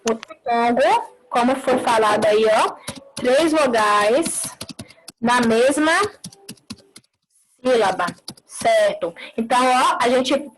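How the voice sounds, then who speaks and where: High-voiced woman teaching an online class. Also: rough recording. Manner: slow explaining, repeats words with tag questions.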